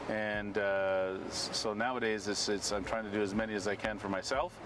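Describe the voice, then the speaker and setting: A man's voice: on the low side, fairly even intonation, normal speed. An older Canadian man telling anecdotes in a casual interview, with a rambling, folksy way of talking. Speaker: town crier being interviewed. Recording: clear outdoor street and vehicle noise.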